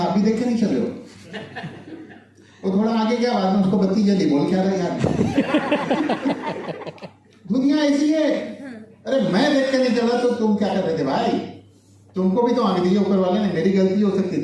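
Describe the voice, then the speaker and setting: Man, high voice, mellow tone, funny motivational anecdotes, booming hall echo, distant mic. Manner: chuckles through his anecdotes. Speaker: motivational speaker at a business launch event. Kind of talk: humorous motivational storytelling. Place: large event hall. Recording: echoey hall from far off, faint noise.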